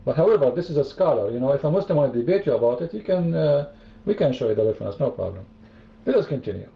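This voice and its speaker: This man runs an online debate room, ridiculing religious talk with sarcasm and pointed repetition. He speaks fast and very animatedly at a medium pitch, with a creaky edge. Over the voice chat, the sound comes across as dull and roomy.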